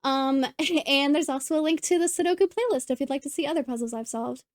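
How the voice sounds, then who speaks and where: A woman's voice: sits high, fairly quick, dry recording, studio quality. A woman hosting a puzzle video, thinking aloud as she solves, musing and hesitant with frequent ums and maybes, a little out of breath.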